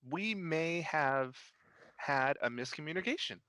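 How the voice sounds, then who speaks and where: A man playing in a tabletop game, talking haltingly with many restarts. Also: a little high, expressive, sharp tone, no echo. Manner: hesitant, halting, full of restarts. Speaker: player. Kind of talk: tabletop role-play.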